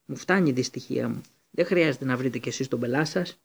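Male reader doing a big gentle frightened gamekeeper, urgent and loud, gravelly husky voice. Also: mid-range voice. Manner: urgent, commanding but shaken.

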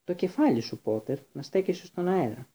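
A man's voice: high-pitched, lively intonation, dark tone, voice pushed up. A man reading aloud and voicing a stern, sneering male professor who interrogates coldly. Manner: sardonic, interrogating.

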